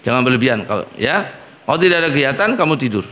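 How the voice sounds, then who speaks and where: A middle-aged man heading a boarding school, giving firm, repetitive advice to his students and often pausing on a short "ya". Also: medium pitch, big pitch swings, sharp tone. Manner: firm, repetitive admonishing with frequent "ya". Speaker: head of an Islamic boarding school.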